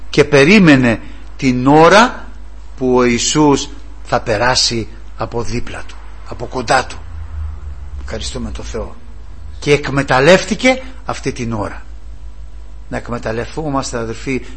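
A man preaching a sermon, impassioned, moving from loud cries to hushed pleading. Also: mid-range voice, slightly rough.

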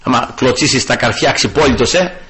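A man preaching a sermon to his congregation, fervent, rising to loud exclamations and dropping to soft asides. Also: medium pitch, rough recording.

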